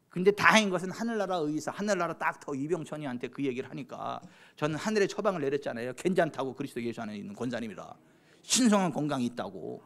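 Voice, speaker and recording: Korean pastor guy, high voice, goes from chatty and soft to loud fired-up preaching in church. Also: creaky. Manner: swings from soft asides to loud fervent preaching; chatty, teasing with congregants. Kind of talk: sermon. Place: church sanctuary.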